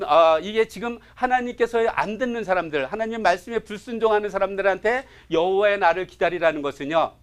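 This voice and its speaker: High-voiced man teaching a Bible class. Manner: asks the audience rhetorical questions; prods listeners with short interjections. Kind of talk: lecture to a class.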